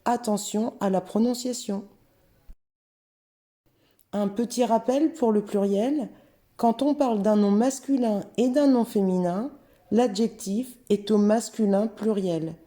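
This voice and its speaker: A woman narrating a scripted language lesson, reading word pairs slowly and carefully. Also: mid-range voice, warm tone. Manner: slow, careful, clearly spelled-out word examples. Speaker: French teacher.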